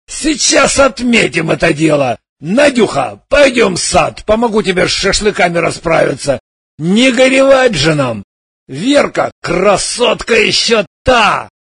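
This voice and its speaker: A man voicing a boisterous middle-aged army major in an audiobook, loud, hearty and bossy. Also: high voice, vocal fry, slightly rough, no echo, exaggerated voice. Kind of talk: audiobook character voice.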